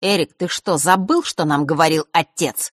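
A woman's voice: low voice, lively intonation, extremely slow, dry recording, clean studio sound, exaggerated voice. A woman playing a hissing bully of a teenage brother. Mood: menacing. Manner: hissing, threatening.

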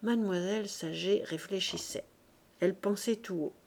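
A woman narrating a classic novel in a measured, expressive reading. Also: mid-range voice, gravelly. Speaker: audiobook reader.

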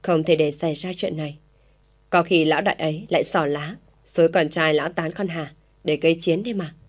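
A woman voicing a stern, hot-tempered middle-aged village man who gives gruff orders. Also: low voice, steady tone, fairly quick. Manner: gruff, commanding.

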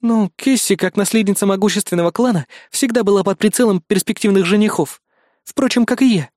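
A man's voice: sits high, a little fast, a little mellow, no room sound, clean studio sound, voice pushed up, lightly acted. A man voicing a fierce, blunt young woman, the narrator's partner, in an audiobook, with a brusque, sarcastic manner. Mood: earnest. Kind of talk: audiobook character voice.

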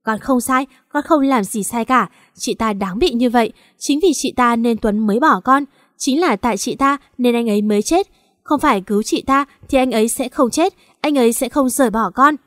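A jealous young woman turned ruthless, harsh and defiant, in a storybook audio drama, as a woman reads her. The voice is high and dry. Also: brisk, no room sound, close to an everyday voice. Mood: bitter defiant.

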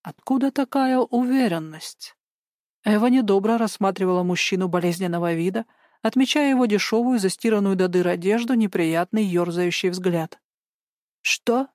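A woman narrating an audiobook in an even, steady storytelling manner. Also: medium pitch, brisk, no echo, clean studio sound. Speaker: audiobook reader. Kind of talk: scripted narration.

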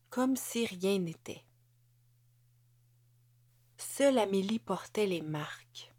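Woman, audiobook narrator, measured, mid pitch, dry studio sound. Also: darkish tone, no room sound.

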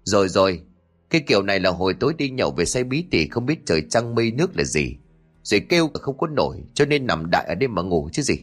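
Gruff irritable old father, played by the male narrator, brusque and scolding, for an audio story. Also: fairly low pitch, very animated, quick pace, soft background music.

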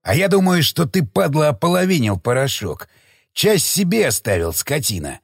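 Brief: male reader as gruff, threatening ex-army commander, audiobook; barking, animated delivery, dry mic. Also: on the high side, normal speed, dry recording, exaggerated voice. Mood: furious. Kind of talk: audiobook character reading.

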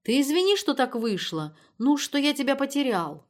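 A woman's voice: high voice, very animated, moderate pace, voice pushed up. Woman voicing a friendly young man. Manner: cautious, friendly.

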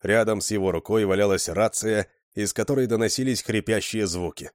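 Низкий мужской голос чтеца. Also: male voice, on the low side, a little fast, dry recording, clean studio sound. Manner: steady storytelling. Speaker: audiobook narrator. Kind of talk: scripted narration.

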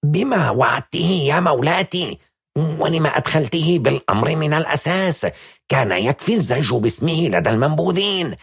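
A man voicing an agitated, scheming male intelligence officer in an audiobook, husky and indignant. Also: on the high side, animated, a little fast, no echo, clean studio sound, voice pushed up, exaggerated voice. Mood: anxious. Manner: pleading, indignant outbursts. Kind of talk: audiobook character voice.

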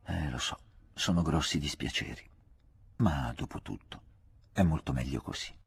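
A man reading an anxious, gentle aging father. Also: extremely low pitch, normal speed, vocal fry, husky, heavily acted. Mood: hushed tender. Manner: kindly, fretful, confiding.

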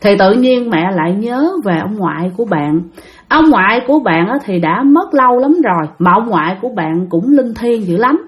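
A woman's voice: medium pitch, animated, moderate pace. A young woman telling a ghost story in a chatty way, talking straight to her listeners. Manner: chatty, addresses listeners directly.

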